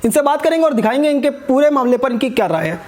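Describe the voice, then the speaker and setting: High-voiced male news interviewer. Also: expressive, fast talker, a little mellow. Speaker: news channel host, interviewer.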